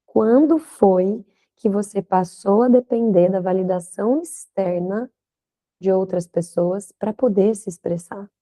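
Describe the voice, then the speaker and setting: Mellow-voiced woman teaching, full of questions. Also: mid-range voice, unhurried, low-quality recording. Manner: reflective, asks many questions, frequent "né?". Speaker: instructor. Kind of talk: recorded online lecture.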